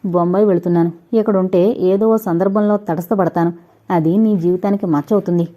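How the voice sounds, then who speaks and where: A woman's voice: fairly low pitch, fairly even intonation, fairly quick, muffled recording, lightly acted. A woman voicing a remorseful young woman speaking to her elder sister in an audiobook. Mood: pleading. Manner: pleading, tearful.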